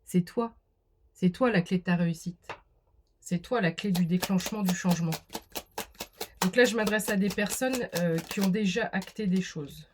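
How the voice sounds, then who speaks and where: A woman's voice: fairly low pitch, normal speed, noisy background. A woman doing a casual spoken card reading, talking straight to the viewer with many fillers and restarts. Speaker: card reader.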